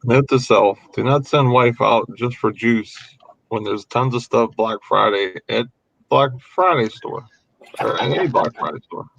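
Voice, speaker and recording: Male host, laid-back wry chat, gravelly voice, dull hissy audio. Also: medium pitch, unhurried, fairly bright tone. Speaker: live stream host. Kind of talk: casual chat.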